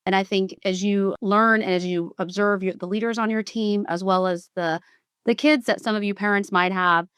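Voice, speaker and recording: A woman's voice: on the low side, clean tone, no echo, clean studio sound. A woman in her fifties from South Carolina with a Southern US accent, speaking reflectively and with frequent restarts as an executive guest on an interview podcast.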